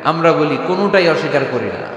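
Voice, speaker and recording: A man with a Bangladeshi Bengali accent preaching a fiery sermon, shouting, chanting verses and rousing the audience to answer. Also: lively intonation, fast. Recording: booming echo from a large hall PA.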